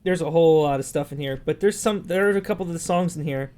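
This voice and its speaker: Male podcast co-host, thirties, casual, halting delivery with many restarts, self-deprecating. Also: a little high, a little mellow. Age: 30s. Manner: halting, repeats words often, self-deprecating. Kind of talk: casual chat.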